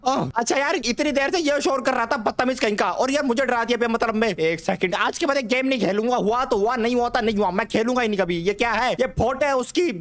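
A man's voice: very high voice, fast, few pauses, fairly bright tone. A young man giving comic horror game commentary, rambling and jokey, taunting the game's ghosts, repeating words in nervous streams and yelping in fright. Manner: yelps in fright. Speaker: gaming YouTuber.

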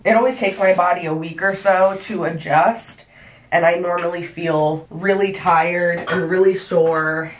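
A young woman hairstylist chatting casually to camera in a small bedroom at home, filling her talk with "like" and gesturing as she goes. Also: lowish voice. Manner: chatty, frequent "like" fillers, animated hand gestures. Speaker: hairstylist vlogger. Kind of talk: casual vlog chat to camera.

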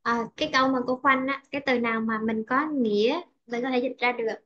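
A Vietnamese woman with a high, bright-pitched voice tutors English pronunciation one-on-one, patiently repeating and checking that her student follows. The sound is dull and lo-fi, like a call. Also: fairly even intonation, fairly quick. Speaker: English teacher.

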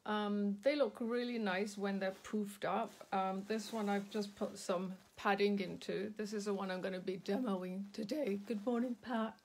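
A woman with a steady, medium-pitched voice leads a casual live craft demonstration at an indoor craft table. She talks slowly and chattily, uses many ums, greets viewers by name, and has a slightly sore throat.

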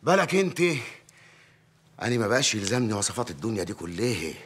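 An actor with an Egyptian accent playing a crude, tyrannical village mayor in a TV drama, barking threats. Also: male voice, on the low side, sing-song, quick pace, fairly bright tone, breathy edge, full character voice. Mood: mocking. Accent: Egyptian Arabic. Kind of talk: TV drama acting.

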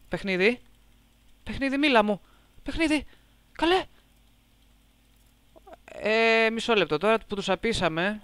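A man's voice: high voice, fairly bright tone, clean tone, no room sound. A man giving casual let's-play commentary, joking, talking back to the game and reading its text aloud, with a sore throat and a cough. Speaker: gameplay commentator.

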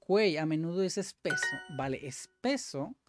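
A man's voice: fairly high pitch, lively intonation, moderate pace, music in the background. Man talking through exercises. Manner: thinking aloud, self-correcting, frequent "vale?" and "ok". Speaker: language-learning video host. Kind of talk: casual commentary while doing language exercises.

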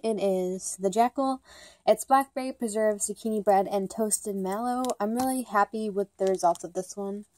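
A woman's voice: mid-range voice, a little mellow. Bubbly rambling woman vlogger. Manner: rambling and bubbly, many "like" and "um" fillers; talks fast at times, by her own account. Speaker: vlogger reviewing wax melts. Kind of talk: casual chatty product review.

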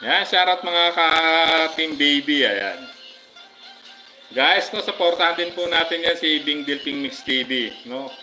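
A man with a Filipino accent, chatting casually on a live stream, giving viewers shoutouts with many fillers. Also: fairly high pitch, unhurried, faint music behind, rough recording. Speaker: livestream vlogger.

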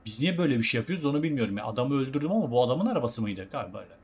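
A man's voice: mid-range voice, big pitch swings, rapid-fire, husky. A man giving casual, joking let's-play commentary as a gaming YouTuber, talking to his viewers as guys.

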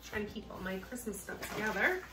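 A woman's voice: medium pitch, big pitch swings, brisk, sharp tone. Chatty woman unboxing in an echoey room. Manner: chatty, upbeat, thinks aloud. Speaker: reseller vlogger. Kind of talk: casual unboxing chat. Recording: echoey room, mic at a distance, noisy.

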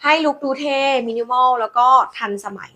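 Bright, high-voiced woman live seller. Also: fairly even intonation, moderate pace. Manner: chatty, coaxing, addresses customers with polite endearments. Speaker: live-selling host presenting handbags. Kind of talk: live shopping sales patter, product demonstration.

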